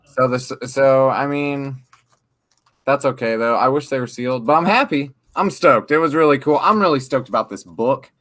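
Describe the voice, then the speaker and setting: Podcast cohost dude, joking around, easily stoked. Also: male voice, mid-range voice, normal speed. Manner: jokey, excitable, laughing. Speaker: podcast co-host. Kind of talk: casual chat.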